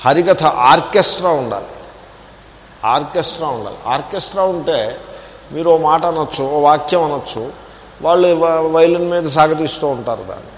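A fairly high-pitched man gives a scripture discourse, wry and questioning toward his listeners. His voice rings out in a reverberant hall with a faint ambient hum behind it. He slips English words into his talk. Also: normal speed. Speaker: swami teaching scripture. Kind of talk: Vedanta discourse.

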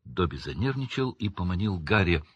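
A man narrating a storybook with an expressive, animated reading. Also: low voice, normal speed, breathy edge, no room sound, muffled recording. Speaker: audiobook reader.

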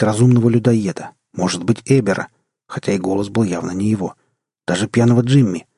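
Low husky male audiobook narrator. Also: warm tone, no echo, studio quality. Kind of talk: first-person audiobook narration.

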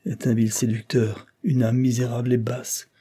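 A man reading an audiobook voices a distraught young aristocratic woman who has fled her husband, speaking softly and with shame. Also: medium pitch, level tone, moderate pace, husky, close to an everyday voice. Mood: despairing.

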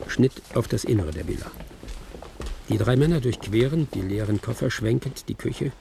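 A man with a mid-range voice and some vocal fry plays a detached narrator, reading a film screenplay for a radio drama in short, observational present-tense sentences. He keeps a moderate pace and sounds close to everyday speech, with a detached, suspenseful mood. Music runs under his voice, and the background is noisy.

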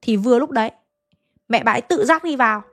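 A woman with a fairly high voice tells a ghost story the way a neighbour would over tea, chatty and familiar, turning to her listeners as she goes. Faint music plays softly underneath her. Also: fast. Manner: chatty, addresses listeners directly, folksy fillers. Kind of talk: casual storytelling narration.

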